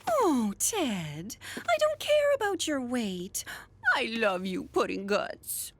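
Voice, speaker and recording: An actress playing a perky, sweetly tactless wife in an adult cartoon. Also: female voice, on the high side, huge pitch swings, slow pace, heavily acted. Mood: affectionate.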